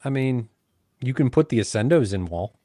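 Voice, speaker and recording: A man's voice: medium pitch, lively intonation, moderate pace, warm tone, no room sound. A man co-hosting a casual podcast, chatty and joking, poking fun at himself. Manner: chatty, joking, self-deprecating. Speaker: podcast co-host. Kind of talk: casual chat.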